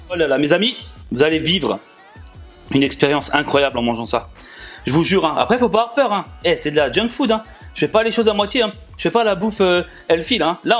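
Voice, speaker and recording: An enthusiastic young man hosts his own cooking vlog, his voice sitting a little high for a man. He talks fast and loose, piling on exclamations and slang. Faint music plays quietly underneath. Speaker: cooking vlogger. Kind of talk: excited casual cooking vlog.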